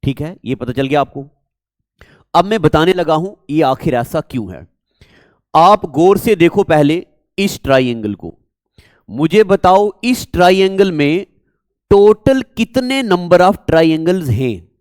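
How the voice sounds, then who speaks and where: Kashmiri-accented guy teaching maths, slow and repetitive, keeps asking the class questions, dry sound. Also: on the high side, lively intonation, a little mellow, no echo. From Jammu and Kashmir, India. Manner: repetitive, coaxing, quizzes the viewers. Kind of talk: classroom math lecture.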